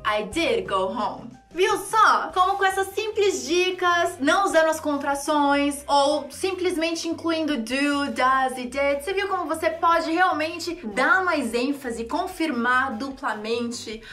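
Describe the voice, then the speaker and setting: A high-pitched woman with a Brazilian Portuguese accent gives an upbeat English lesson. She talks in an animated way and slows right down whenever she models an English phrase. Soft music runs underneath her voice. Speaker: English teacher.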